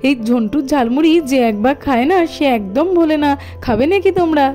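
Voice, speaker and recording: A woman's voice: sits high, animated, a little fast, dark tone, soft background music, pitched below the performer's own voice. A woman voicing a cheerful, pushy street snack-seller man in a doll cartoon, calling out his wares in a sing-song hawker style. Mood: hawking.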